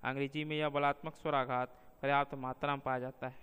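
A man reading a linguistics lesson aloud in a measured way, slowing down to spell out example words. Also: medium pitch, level tone, a bit bright, smooth, big-room sound. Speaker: teacher.

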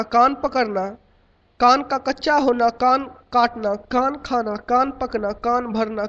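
Male teacher, very high-pitched, steady list-reading delivery, muffled lo-fi recording. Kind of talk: reading a list of Hindi idioms. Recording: dull lo-fi recording.

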